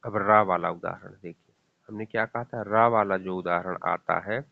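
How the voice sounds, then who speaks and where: A man's voice: sits low, fairly even intonation, normal speed, vocal fry. A man teaching a grammar lesson for exam students, repeating each example and asking the viewer questions. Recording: tinny phone-like audio.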